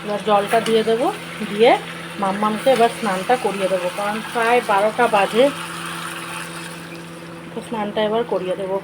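A woman with a hoarse voice from a cold, chatting casually to viewers in a home vlog from her kitchen. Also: medium pitch, steady tone, a little fast, long pauses. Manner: chatty, addresses viewers directly. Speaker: vlogger. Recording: noisy home recording.

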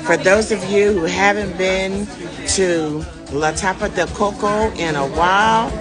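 With a mid-range voice and measured pace, a middle-aged woman hosts a casual live selfie stream outdoors on a city street. She runs a vlog and organizes tours, calls her viewers y'all with enthusiasm, and records on a phone held out at arm's length as music plays clearly in the background.

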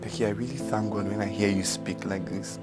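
A man's voice: lowish voice, fairly even intonation, a little fast, over loud music, close to an everyday voice. An actor with a Nigerian accent playing a caring male friend who stammers and talks in an earnest, preachy way. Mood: tender. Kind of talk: film drama acting.

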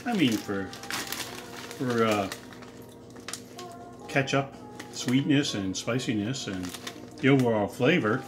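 A middle-aged man from the United States giving a casual, unhurried, halting tasting review to camera while crunching chips. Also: mid-range voice, over music. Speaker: snack reviewer. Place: home kitchen, indoors.

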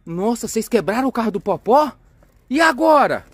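A young father, filming his kids at play outdoors and narrating in an excitable, coaxing way. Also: extremely high pitch, moderate pace, dry recording. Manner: excitable, coaxing, cheers and exclaims often. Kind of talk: playful family vlog narration. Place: outdoors on a street and yard.

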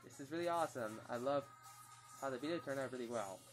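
A man vlogging casually as a cosplayer doing voice impressions, talking in halting short phrases. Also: medium pitch, faint music behind. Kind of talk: casual chat in character as a cosplayer. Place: small room at home.

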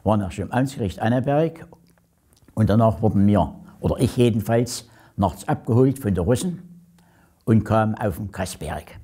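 A man in his eighties recounting his past in an interview, speaking slowly with halting pauses. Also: on the low side, animated, warm tone, husky. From Germany. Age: 80s. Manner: slow, halting, pauses often. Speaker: former prisoner, interviewee.

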